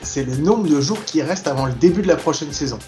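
Upbeat high-voiced man hosting a podcast. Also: animated, quick pace, warm tone, faint music behind. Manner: upbeat, laughs often. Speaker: podcast host. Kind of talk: casual podcast chat.

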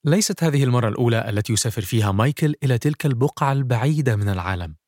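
A man's voice: medium pitch, lively intonation, rapid-fire, darkish tone, dry recording, studio quality. A man hosting and narrating a scripted documentary podcast.

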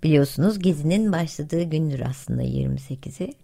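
Gravelly-voiced woman urging listeners earnestly. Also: low-pitched, animated, a little fast, dark tone. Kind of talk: casual discussion.

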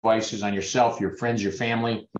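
A man's voice: fairly low pitch, little pitch movement, fairly quick, slight background noise. Male dentist presenter, earnest persuader, roomy and dull video-call audio. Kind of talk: webinar presentation.

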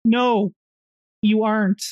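A woman's voice: medium pitch, steady tone, slow, darkish tone, no echo, dull audio. Dry, matter-of-fact woman at a game table. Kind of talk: casual table talk.

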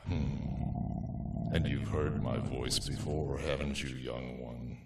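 Gravelly, abyss-deep ancient cosmic entity. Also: male voice, steady tone, very noisy, heavily acted. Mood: gloating, mocking. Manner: slow, gloating cosmic-entity grandeur. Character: ancient evil cosmic entity possessing a girl, mocking, menacing. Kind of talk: audio drama acting. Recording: echoing voice with background din.

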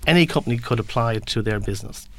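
A man from Galway with a west of Ireland accent, explaining things as an interview guest in a halting way, often repeating words as he searches for the next. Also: medium pitch, fairly bright tone. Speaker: interview guest, construction industry representative.

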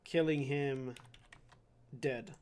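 A man's voice: medium pitch, fairly even intonation, very slow, a little mellow, clear, resonant tone. A man acting as game master, casually narrating a tabletop game and ruling on turns.

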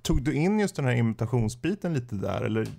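Guy hosting a podcast, gravelly voice, asks stuff slowly with lots of ehms. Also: medium pitch, sing-song, warm tone. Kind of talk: casual podcast interview.

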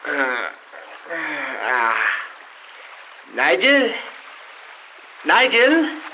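A man's voice: a little high, muffled recording, noisy background. A man voicing a grumpy, sardonic male adventurer who groans and answers with dry sarcasm in a hobby audio drama.

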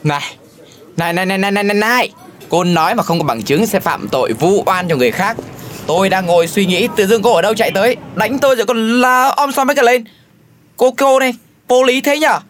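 A woman's voice: medium pitch, close to an everyday voice. A woman playing a flustered old man. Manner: flustered, protesting, rapid. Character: mild-mannered old male journalist. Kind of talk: comedic audio drama.

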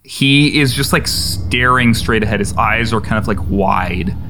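A man's voice: lowish voice, unhurried, sharp tone, a little hiss or hum. A man running a tabletop game as game master, narrating scenes in a casual, filler-heavy way.

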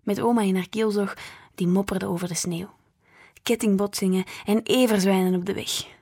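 Woman, storybook narration, breathy, quiet, hushed whispers, mid-pitched. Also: fairly even intonation, normal speed. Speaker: audiobook narrator. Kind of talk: first-person storybook narration.

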